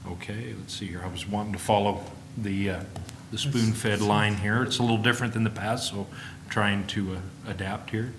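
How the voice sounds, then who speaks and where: A man speaks formally at a public meeting in a flat, fairly low voice. His delivery is halting. The room rings with clear echo around him. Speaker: planning commission member. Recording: echoey room, faint background noise.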